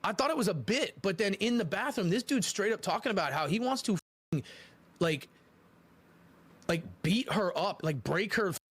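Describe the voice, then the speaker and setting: A man's voice: sits high, lively intonation, normal speed, husky. A man telling a casual story from a streaming clip, rambling and repeating himself, stumbling over his words.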